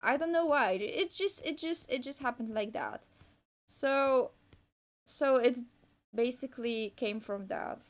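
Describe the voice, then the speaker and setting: This art streamer is a young woman whose first language is Polish. While drawing, she chats loosely with her stream, hesitating, restarting and filling gaps, in a slightly high voice.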